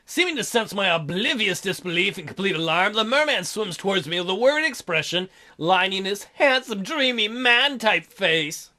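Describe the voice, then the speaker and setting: A man with a high-sitting, bright, animated voice reads visual novel text aloud as a let's play host, at normal speed with few pauses. His forceful tone carries irreverent, crude, sarcastic asides.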